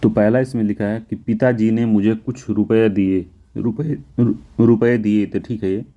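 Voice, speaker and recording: A man teaching a spelling lesson for an exam, going through test answers, repeating words slowly and correcting himself often. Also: fairly low pitch, level tone, warm tone, muffled recording. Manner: repetitive, self-correcting, often says "ठीक है"; slows and stretches words to spell them out.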